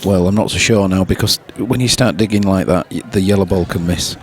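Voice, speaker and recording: A man's voice: low-pitched, a little fast, a little hiss or hum. Chuckling snooker commentator, man. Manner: laughs easily, chatty. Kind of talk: relaxed live sports commentary.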